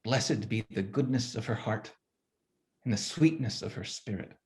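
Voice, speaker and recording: A man's voice: on the low side, moderate pace, darkish tone, close to an everyday voice. An actor playing Adam as a bemused young husband, reading his diary with dry, musing asides over a video call. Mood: tender. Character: first man, gruff bemused young husband. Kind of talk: theatrical reading of a one-act play.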